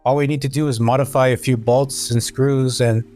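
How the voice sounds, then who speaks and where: A man's voice: medium pitch, fairly even intonation, a little fast, darkish tone, soft background music. Rambling, explanatory podcast man. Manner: explanatory, rambling with many "like" fillers. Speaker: podcast co-host. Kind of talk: casual podcast chat.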